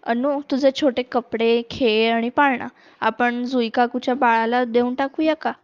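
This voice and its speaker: A woman reading as a patient storybook mother who soothes and reasons with her child. Her speech is slow and fairly high, and the recording is dull and dry. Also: fairly even intonation, clean tone, no echo, natural voice. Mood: gentle. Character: patient gentle mother of a small girl.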